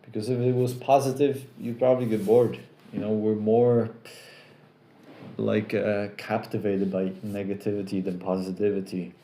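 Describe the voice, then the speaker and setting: In a roomy-sounding space, a young live stream host, from Poland but with an American accent, answers viewer questions in a loose, rambling, repetitive style. He speaks in a fairly low voice at a moderate pace.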